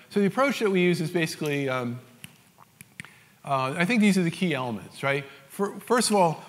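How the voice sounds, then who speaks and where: New York man lecturing in a hall. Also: fairly high pitch. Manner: explanatory, frequent fillers and restarts. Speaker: scientific lecturer. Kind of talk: technical lecture.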